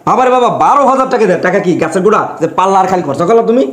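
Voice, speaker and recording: A man's voice: high-pitched, lively intonation, very fast. A man playing a hot-tempered, stingy grown son who berates his mother with a stream of rhetorical questions. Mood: scolding. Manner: scolding, hectoring rhetorical questions. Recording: echoey room.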